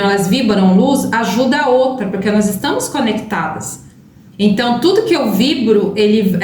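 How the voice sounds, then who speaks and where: A woman co-hosting a spiritual talk, explaining gently and often adding "né?" tags. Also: on the high side. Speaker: spiritual channel co-host. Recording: roomy with faint background hiss.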